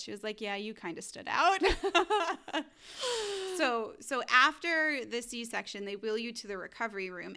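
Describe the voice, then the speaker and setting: A woman's voice: on the high side, clear, resonant tone. A woman telling a personal story in a casual podcast chat, acting out what people said. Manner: animated storytelling, acting out quotes. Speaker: guest telling her birth story.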